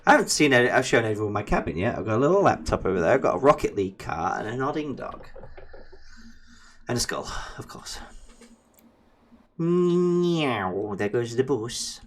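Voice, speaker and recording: A man streams a truck driving game, chatting casually with his co-player in a medium-pitched, slightly bright voice that is fast and swings widely in pitch. He teases his partner and sometimes breaks into silly sing-song noises.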